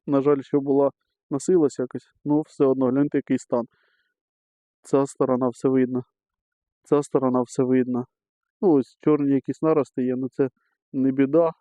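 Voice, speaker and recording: Here a middle-aged man with a warm, medium-pitched voice digs on a meadow while metal detecting, filming himself and casually telling his viewers, whom he calls friends, what's happening. There's no room sound, and the recording is slightly dull and lo-fi.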